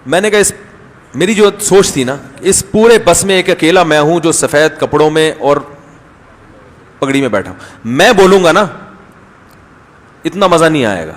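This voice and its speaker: A man's voice: fairly high pitch, lively intonation, pauses often. Guy preacher chatting through stories, acts out the other people, lots of hall reverb. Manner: conversational, anecdotal, acts out voices in stories. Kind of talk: storytelling religious talk.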